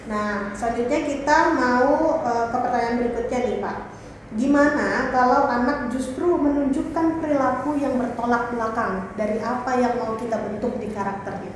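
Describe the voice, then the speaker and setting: A woman's voice: a little high, moderate pace. A woman hosting a talk show, summarizing tips in a friendly, casual way with fillers. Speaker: host. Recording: very echoey hall with faint noise.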